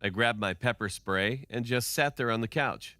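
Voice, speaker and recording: A man giving a scripted first-person narration of a story in a steady storytelling delivery. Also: medium pitch, moderate pace, clean tone, no echo.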